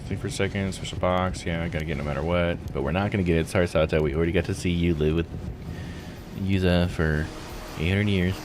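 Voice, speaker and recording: Over video game music, a low-pitched man plays through a visual novel on stream, reading text aloud and musing in a relaxed, joking manner. He talks quickly in a steady tone, with some background noise present.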